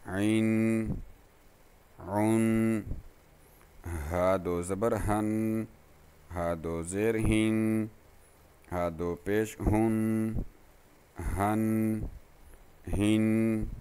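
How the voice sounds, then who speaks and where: A man teaching a Quran reading lesson, reciting each syllable in a slow, drawn-out repetition drill for learners. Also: lowish voice, a little mellow, smooth.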